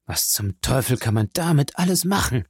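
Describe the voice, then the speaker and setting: A man's voice: mid-range voice, animated, normal speed, husky, dry recording, clean studio sound. A man voicing a greedy, scheming male ex-convict who needles and wheedles, in a storybook reading.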